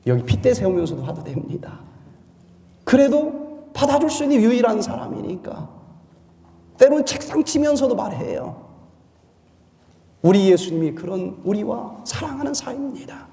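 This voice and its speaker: High, lively voice of a preaching man. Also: moderate pace, gravelly, long pauses, long reverb tail. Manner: animated preaching, drops to hushed asides. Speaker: pastor. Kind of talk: sermon.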